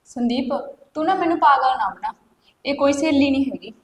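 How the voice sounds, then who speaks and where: A woman's voice: sits high, expressive, brisk. A woman playing a stern scolding sister-in-law. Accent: Punjabi. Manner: scolding, firm. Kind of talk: Punjabi web drama acting. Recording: echoey room, faint noise.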